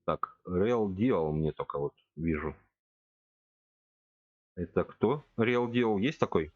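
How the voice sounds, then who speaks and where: A man's voice: sits low, expressive, slow pace, dry recording, muffled recording. A man in his forties chatting casually with viewers as he plays, thinking aloud and speaking to his chat directly. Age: 40s. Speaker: game streamer. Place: home room at a computer.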